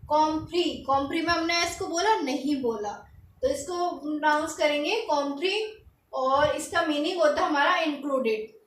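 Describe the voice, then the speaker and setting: Casting: high-voiced woman teacher, patient and repetitive, recorded at a distance in an echoey room with faint background noise. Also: fairly bright tone. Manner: patient, repeats each word slowly. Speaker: French teacher. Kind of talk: explaining lesson. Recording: echoey room, mic far off.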